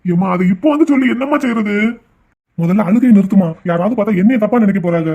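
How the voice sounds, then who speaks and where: A man's voice: high-pitched, fast, dark tone, husky, lo-fi sound. A man voicing a meek, fretful tea shop owner in a cartoon, talking in a pleading way. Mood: worried. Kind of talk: cartoon voice acting.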